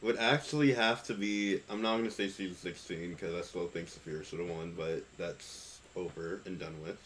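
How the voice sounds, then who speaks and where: Low-voiced man hosting a casual podcast. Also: steady tone, a bit bright, a little hiss or hum, poor audio. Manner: brisk, profane, leads the questions. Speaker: podcast host. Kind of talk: casual chat.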